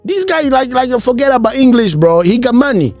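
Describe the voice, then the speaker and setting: A man's voice: very high voice, very animated, a little fast, darkish tone, no room sound, soft background music. A man hosting a podcast, reacting to an interview in an emphatic, repetitive, casual way. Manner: emphatic, repetitive, keeps saying bro. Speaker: podcast host.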